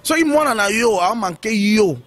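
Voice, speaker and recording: A man's voice: high voice, lively intonation, measured pace, fairly bright tone, no room sound. A man giving casual, emphatic commentary on music news in short bursts full of fillers.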